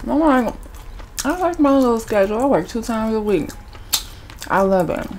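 A woman, chatting casually with her mouth full and chewing, relaxed and blunt, humming with enjoyment between bites. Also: fairly high pitch, moderate pace, slight background noise. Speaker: vlogger. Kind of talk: casual rambling chat while eating.

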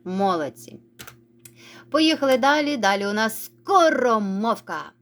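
A woman teacher giving a recorded reading lesson to young children, praising them and slowly drawing out words as she models reading. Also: fairly high pitch, very animated. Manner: encouraging, sing-song, stretches words slowly when modelling reading. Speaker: primary school teacher.

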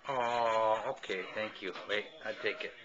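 A father filming his toddler at home, coaxing her with gentle, repetitive prompts. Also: lowish voice, steady tone, measured pace, lo-fi sound. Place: home, indoors. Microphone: handheld camcorder.

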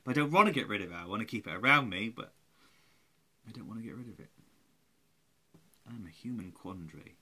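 Brisk yet prone to long pauses, this fortyish man has an expressive, bright, forceful voice on the low side with a breathy edge. He's vlogging indoors in a small room at home, webcam close by, tired and rambling, swearing and laughing at himself.

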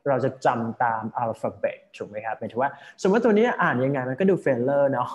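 A man's voice: mid-range voice, sing-song, a little fast. A man teaching an English vocabulary lesson, explaining word by word and often checking that his students follow.

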